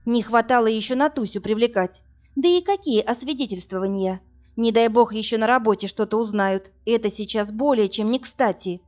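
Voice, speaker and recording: Brief: female reader doing an insistent, upset young woman, a slightly high voice, a muffled recording. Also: moderate pace, close to an everyday voice. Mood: indignant. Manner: insistent, agitated, raising her voice. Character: indignant young woman office worker. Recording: dull lo-fi audiobook recording.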